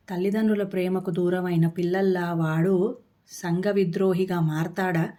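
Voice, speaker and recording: A woman's voice: fairly low pitch, dark tone. Woman storyteller reading a family tale.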